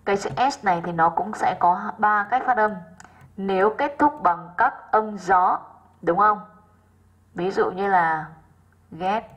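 A woman's voice: medium pitch, husky, lo-fi sound. A woman English teacher going over exercise answers with her pupils, often checking in with rhetorical questions.

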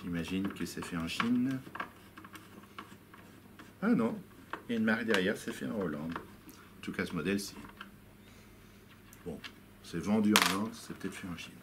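Over loud background noise and clicks, a deep-voiced Frenchman dismantles a toy instrument for his video channel, speaking at normal speed and pausing often. This YouTube musician chats casually and curiously to camera, thinking out loud as he demonstrates.

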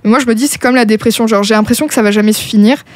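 A woman's voice: fairly high pitch, rapid-fire, no room sound. A woman hosting a podcast, talking casually and reassuringly as she addresses a listener directly and gives advice. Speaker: podcast host.

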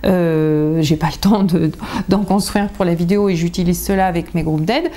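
A woman from France, a teacher and coach, explaining reading tips to parents in a chatty video lesson, with many filler pauses. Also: lowish voice, fairly even intonation, dark tone.

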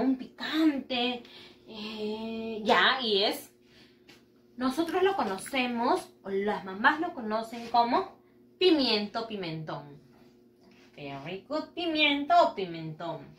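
A woman teaching children English, her voice high and bright. She talks slowly and patiently, stretching each word and giving praise again and again. The sound carries a roomy echo. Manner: slow, patient, exaggerated pronunciation with frequent praise. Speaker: primary school English teacher. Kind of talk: bilingual online lesson for children.

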